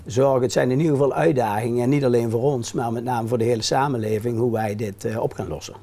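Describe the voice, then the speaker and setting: Male talk-show guest, gravelly and dark-toned, earnest and halting, lots of filler sounds. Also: mid-range voice, fairly even intonation. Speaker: guest, care company founder. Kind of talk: local TV talk show interview.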